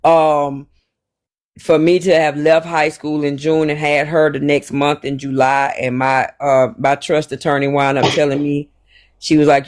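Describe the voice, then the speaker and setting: A man, telling his story in casual chat and preaching about planning for money. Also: medium pitch.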